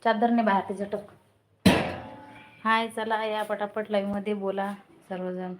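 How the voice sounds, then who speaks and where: A woman with a Vidarbha Marathi accent chats on a casual home live stream, greeting viewers and calling for comments. Her pitch stays flat and even throughout. A faint hiss of household noise sits behind her phone recording. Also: unhurried. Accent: Marathi from Vidarbha region. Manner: urges viewers to comment, chats with family off-camera.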